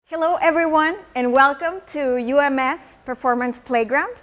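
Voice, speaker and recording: A Mexican woman with a Mexican accent performs spoken word poetry and teaches how it is made as a teaching artist. Her high-pitched voice has a fairly bright tone, and her delivery is slow and measured, poetic, with Spanish words woven in.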